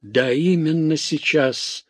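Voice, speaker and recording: A man's voice: medium pitch, animated, takes it slowly, breathy edge, no echo, clean studio sound. A man reading an audiobook, voicing a passionate young man in despair, crying out urgently. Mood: impassioned. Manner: impassioned, exclaiming.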